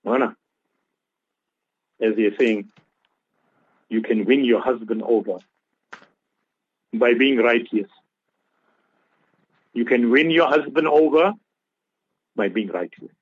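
A man's voice: medium pitch, slow pace, pauses often, husky, no room sound, phone-quality sound. A man giving religious advice on a radio talk show, preaching and repeating key phrases for emphasis. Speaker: Islamic scholar on radio.

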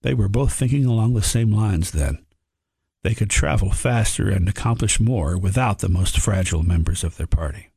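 A man's voice: on the low side, moderate pace, creaky, darkish tone, husky, no echo, studio quality. A man reading a frontier horror story aloud, voicing the prospectors' dialogue in a folksy drawl. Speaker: narrator.

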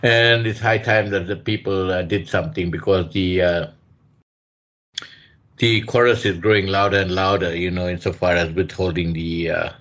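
A man co-hosting a radio talk show, speaking in a measured, hesitant way with many fillers. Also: sits low, steady tone, fairly bright tone. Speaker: radio co-host. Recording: dull lo-fi radio sound.

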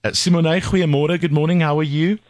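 A man's voice: a little high, steady tone, a little fast, a little mellow, no echo. A South African man hosting a radio phone-in, chatting casually and emphatically, switching between English and Afrikaans. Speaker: radio talk show host. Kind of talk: casual bilingual phone-in chat.

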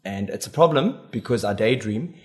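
A man's voice: lowish voice, expressive, moderate pace. A man with a South African accent, chatting expressively and casually as an author guest on a radio show. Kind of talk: casual interview chat.

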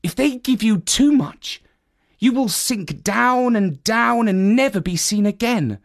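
A man's voice: high voice, expressive, creaky, voice pushed up, heavily acted. A man doing a wise young woman servant. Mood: instructive. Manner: measured, instructive, a little sarcastic. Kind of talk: storybook read-aloud.

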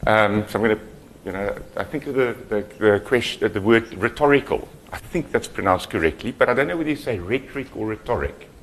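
A man's voice: fairly low pitch, fairly quick, slight background noise. A middle-aged man from South Africa, a native Afrikaans speaker, giving a conversational, self-deprecating conference talk. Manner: self-deprecating, conversational, chuckles at his own jokes. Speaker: keynote speaker.

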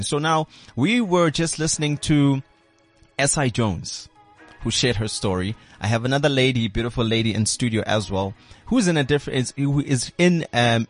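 A man hosting a radio show from a studio, chatty, with many fillers and restarts. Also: mid-range voice. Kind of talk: radio interview and promo read.

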